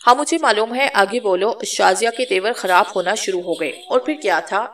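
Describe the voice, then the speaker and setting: A woman's voice: mid-range voice, recorded from a distance, close to an everyday voice. Reproachful elder sister, read by a woman narrator. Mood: impatient. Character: worried disapproving elder sister.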